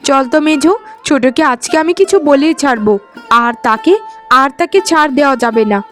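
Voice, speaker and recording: A woman with a high, fairly bright voice and a slightly fast pace performs melodramatic cartoon voice acting as a protective, righteous elder sister-in-law. She sounds stern, reproachful and concerned, coaxing yet firm, while music plays behind her.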